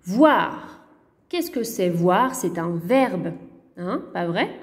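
A woman's voice: fairly low pitch, very animated, very slow, in a large hall. A woman teacher going over a lesson correction for young pupils, patient and careful, sounding words out syllable by syllable. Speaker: primary school teacher.

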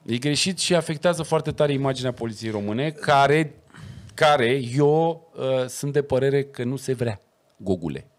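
A man, a podcast guest talking casually and telling animated, slangy stories. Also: mid-range voice. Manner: animated storyteller, slangy, acts out quoted dialogue.

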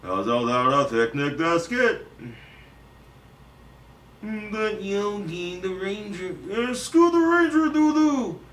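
A man's voice: high-pitched, very animated, takes it slowly, long pauses, a bit bright, pitched above the performer's own voice, heavily acted. A man impersonating a big, cheeky male cartoon bear with a jaunty, boisterous voice. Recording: roomy, distant amateur recording.

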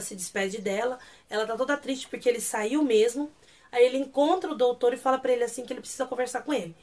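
A young Brazilian woman with a Brazilian Portuguese accent, animatedly recapping and gushing over a series episode in casual chat. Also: on the high side. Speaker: series reviewer.

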